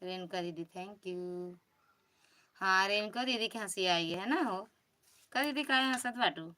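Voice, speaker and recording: Chatty bright-voiced Awadhi woman livestreaming. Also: medium pitch, unhurried, a little hiss or hum. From Uttar Pradesh, India. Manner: chatty, teasing, repeats greetings to each viewer. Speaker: live stream host. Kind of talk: casual live chat greeting viewers. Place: home.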